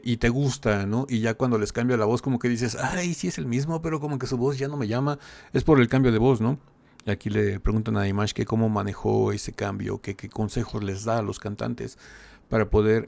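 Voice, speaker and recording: A man with a low, gravelly voice talks through a stream as its translator. His tone is casual and explanatory, and he keeps checking in with his listeners as he relays each point. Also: darkish tone. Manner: relays quotes with frequent "dice" and "¿no?". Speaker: reaction channel host translating a live stream.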